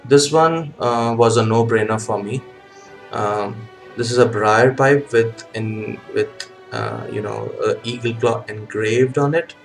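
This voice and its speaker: A man talking casually to a webcam as a hobby video host, in a halting way with frequent ums and pauses. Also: mid-range voice, soft background music. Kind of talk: casual vlog talk. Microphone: webcam setup.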